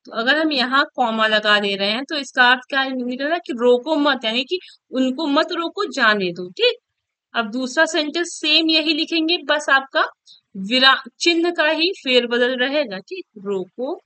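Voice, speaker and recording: A woman's voice: high-pitched, moderate pace, bright, forceful tone, no room sound. A woman teacher giving an online exam-prep lesson, explaining step by step, checking in often and writing on a board as she goes. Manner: writes and erases on a board while talking.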